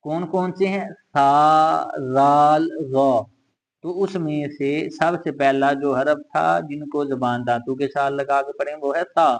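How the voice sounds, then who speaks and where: A man's voice: fairly high pitch, steady tone, normal speed, few pauses, low-quality recording. A man teaching a Quran reading lesson for children, patiently repeating letters and drilling each syllable aloud. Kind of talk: slow step-by-step recitation lesson.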